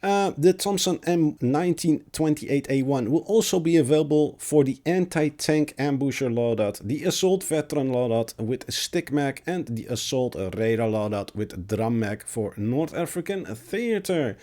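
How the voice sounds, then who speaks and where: A man with a cracky, squeaky voice from being sick, reading game patch notes aloud with his own remarks, stumbling here and there. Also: animated, moderate pace, hardly any pauses, dark tone. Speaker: gaming video creator.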